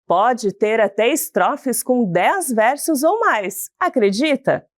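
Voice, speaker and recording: A woman teacher with a Brazilian accent, slowly and warmly leading a recorded lesson for children, reading a poem aloud and explaining verses and syllables in a sing-song, encouraging way. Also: on the high side, lively intonation, no echo, studio quality. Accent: Brazilian Portuguese. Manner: slow, sing-song and encouraging, calls the pupils "bonitos".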